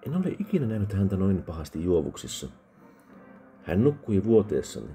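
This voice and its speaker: A man voicing a frightened young noble girl, speaking timidly with a raised pitch. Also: sing-song, dark tone, faint music behind.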